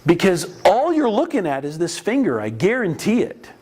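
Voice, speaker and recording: A man's voice: high-pitched, wildly swooping pitch, normal speed, a little mellow, breathy edge. A middle-aged man teaching an emergency medical class in a classroom, talking casually and mixing in stories from calls. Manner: conversational, anecdotal, with frequent restarts. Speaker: EMS instructor. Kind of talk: classroom lecture. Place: training classroom.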